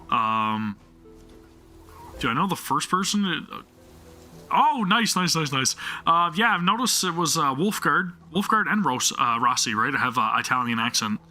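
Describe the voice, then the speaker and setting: A man with a medium-pitched, sharp-toned voice live-streams a game, chatting with viewers and thinking out loud casually while often second-guessing himself.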